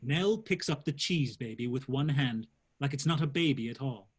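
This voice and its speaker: A man reading the stage directions in an informal play read-through over a video call, with a measured, wry delivery. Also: medium pitch, lively intonation, slightly rough.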